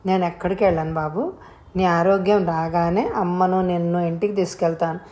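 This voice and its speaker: A woman's voice: lowish voice, fairly even intonation, brisk, mellow, lightly acted. Woman voicing Vidyadhar, a firm young husband. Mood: reassuring. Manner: firm, scolding. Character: firm young man, a lawyer and father.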